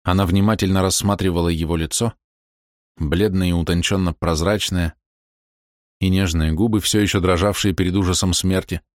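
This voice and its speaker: A man narrating an audiobook in a measured, even way. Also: low-pitched, no room sound, studio quality.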